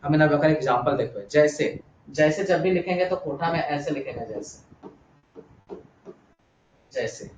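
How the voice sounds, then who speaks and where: A male teacher dictates notes to his class in a slightly high voice, going back over each point and checking that the students understand. He is recorded from across an echoey room, so the sound is dull and carries a faint hiss. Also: moderate pace, recorded from a distance. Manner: repeats and dictates notes, asks students if they follow. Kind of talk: classroom lesson.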